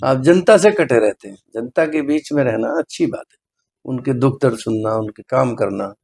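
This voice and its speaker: Animated yet earnest and deferential, a middle-aged medical superintendent of a hospital responds to an interview, dropping English phrases into his talk. He has a medium-pitched, husky, darkish voice with vocal fry, speaking at normal speed.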